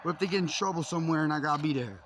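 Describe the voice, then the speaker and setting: A man's voice: fairly high pitch, rapid-fire, a bit bright, slight background noise. A man rambling in a vlog, agitated, swearing often and jumping between thoughts, recorded outdoors on a phone. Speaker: vlogger. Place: outdoors in a yard.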